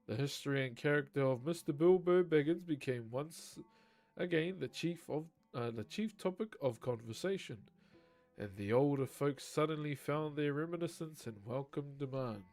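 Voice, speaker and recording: On a live stream, a man reads a novel aloud from a desk microphone, breaking between passages to chat casually with viewers and swear freely. His naturally loud voice sits a little high and moves at a normal speed, with faint music behind it.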